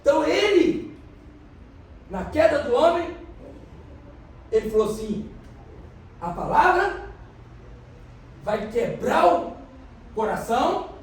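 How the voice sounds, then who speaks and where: A man's voice: very high voice, sing-song, takes it slowly, long pauses. A man preaching a sermon as pastor, explaining things and questioning the congregation. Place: church hall. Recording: echoey church hall, mic from a distance.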